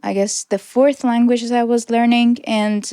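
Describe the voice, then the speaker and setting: A Persian-speaking woman in her twenties, originally from Iran, shares her personal story as an interview guest, sounding reflective and earnest with small restarts and light laughs. Her voice is fairly high and smooth, with little pitch movement, a moderate pace and a warm tone. The recording is dry and studio quality.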